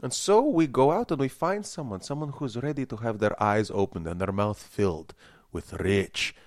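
A man's voice: medium pitch, animated, normal speed, darkish tone, no echo, clean studio sound, lightly acted. A man playing a pompous, fanatical Russian sour cream promoter with a heavy Russian accent and a solemn, faintly menacing manner, as a guest in a comedy interview. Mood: rapturous, sly.

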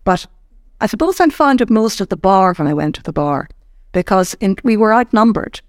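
An older woman from Ireland, a former ombudsman, recounting her career in an interview with measured, halting phrasing and many restarts. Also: medium pitch, animated, no room sound, studio quality. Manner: measured, searching for words with frequent restarts. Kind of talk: reflective interview storytelling.

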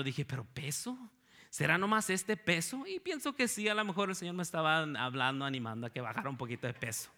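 A man's voice: high-pitched, pushed and bright. A man preaching a sermon to a congregation, telling stories and asking them rhetorical questions. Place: church service.

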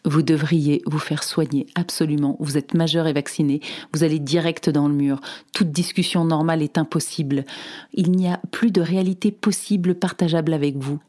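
Low, warm-voiced woman reading aloud. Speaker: reader. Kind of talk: literary reading with voiced dialogue.

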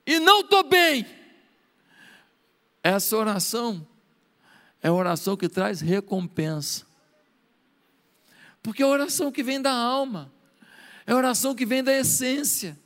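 A middle-aged man with a Brazilian Portuguese accent, preaching a sermon as a pastor, animated and acting out prayers in a hushed voice. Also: extremely high pitch. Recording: long hall reverb.

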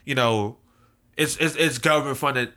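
Bright-voiced American man hosting, halting delivery. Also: medium pitch. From United States. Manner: halting, repeats words. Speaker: host. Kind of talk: casual discussion.

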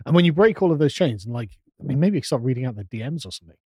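A man's voice: medium pitch, lively intonation, very fast, dark tone, slightly rough, dry recording. A man co-hosting a live podcast, chatting casually, laughing often and mimicking voices. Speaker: podcast co-host. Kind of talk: casual banter on a live stream.

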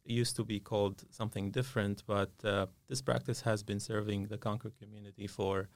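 A man's voice: on the low side, little pitch movement, brisk, gravelly, dry recording. A man, a dentist talking as a guest in a podcast studio, hesitant and full of fillers. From Syria. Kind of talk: casual interview.

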